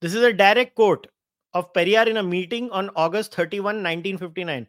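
A man's voice: high voice, steady tone, fairly quick, fairly bright tone, no room sound, clean studio sound. A man with an Indian accent hosting casual live commentary, speaking in an opinionated, sardonic and emphatic manner. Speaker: host of a commentary live stream. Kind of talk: casual live commentary, reading out quotes and answering viewers.

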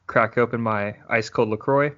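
A man's voice: medium pitch, fairly even intonation, moderate pace, a bit bright, dull audio. A man guesting on a casual podcast, laid-back with dry humor.

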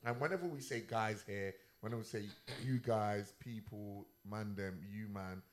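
A man's voice: fairly low pitch, normal speed. A man with a London roadman accent, chatting casually and slangily as a panel show host. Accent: London, urban slang.

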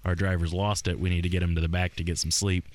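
A man with a deep voice tells a story in casual podcast chat. He delivers it with dry, wry humor. The recording is close and dry, with no echo. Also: level tone, quick pace. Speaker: podcast co-host.

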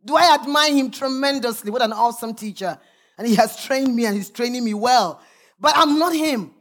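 A woman's voice: a little high, moderate pace, a bit bright. A woman pastor preaching a sermon, reading scripture aloud with emphatic, sometimes sung, calls to the congregation.

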